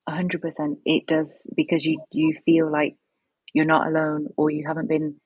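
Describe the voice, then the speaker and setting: A woman's voice: low-pitched, completely flat delivery, moderate pace, slightly rough, no echo, lo-fi sound. A woman with a faint Birmingham accent, co-hosting a casual podcast and asking supportive questions. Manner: attentive, asks questions, supportive. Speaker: podcast co-host. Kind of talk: casual chat.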